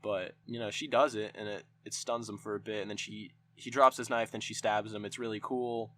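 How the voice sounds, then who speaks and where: A man's voice: fairly low pitch, fairly even intonation, brisk, bright, forceful tone, slight background noise. A young man hosting a podcast, reviewing a film in a casual, rambling way with lots of swearing and restarts. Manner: rambling, profane, frequent restarts. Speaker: podcast host.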